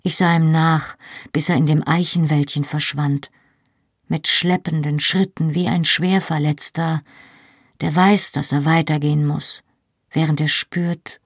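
A woman reading a novel aloud in the first person, measured and expressive. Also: low-pitched, no echo, clean studio sound. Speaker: audiobook narrator.

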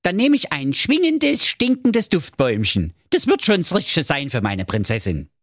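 Boastful young fairy-tale suitor, put on by a man, high and bouncy, dry sound. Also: huge pitch swings, moderate pace, dry recording, full character voice. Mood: cocky. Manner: boastful, delighted. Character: cocky, cheerful young male suitor.

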